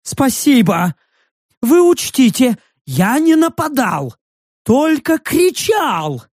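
A shrill, jumpy furry beast-man yelps and squeals his defenses, high-pitched and slow, dragging out his words, as a man puts him on. The voice is dry and close, with no room around it, in the manner of an audiobook. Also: big pitch swings, no room sound, heavily acted. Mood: yelping, defensive. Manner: high yelping, defensive shouting. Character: jittery furry male beast-man, loud and touchy.

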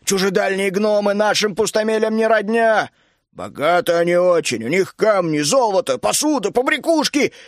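A man reading an audiobook, voicing a grumpy middle-aged dragon keeper who grumbles and scolds in a lower, heavier voice. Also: expressive, moderate pace, no room sound, clean studio sound. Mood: scolding. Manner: grumbling, scolding, bursts out hotly. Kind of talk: audiobook character voice.

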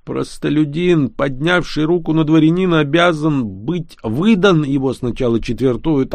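A man voicing an anxious, kindly old baron in an audiobook, pitching his voice up with urgent worry. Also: a little mellow, no room sound.

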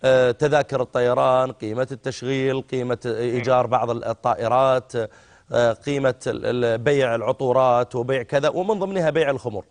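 Saudi male scholar, middle-aged, quick delivery, avuncular manner, call-in religious advice. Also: mid-range voice, fairly even intonation. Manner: avuncular, addresses callers as my son. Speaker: religious scholar answering callers.

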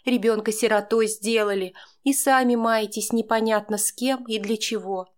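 A fretful, caring grandmother who scolds her grown son one moment and pleads with him the next, put on by a woman reading aloud. The voice sits a little higher than the reader's plain narration, and the delivery is emotional and motherly. It has the feel of an audiobook. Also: steady tone, moderate pace, close to an everyday voice. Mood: worried scolding. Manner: anxious, scolding, then tender. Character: older woman, worried caring grandmother, tearful.

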